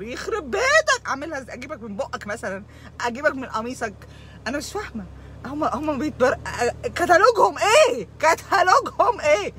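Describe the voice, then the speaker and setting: A woman's voice: high-pitched, a bit bright, slight background noise. A young Egyptian woman with an Egyptian Arabic accent, hosting a video and ranting dramatically, sometimes sliding into mock sobbing and dropping in English words. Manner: mixes English words into speech. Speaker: video host. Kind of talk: comedic emotional rant.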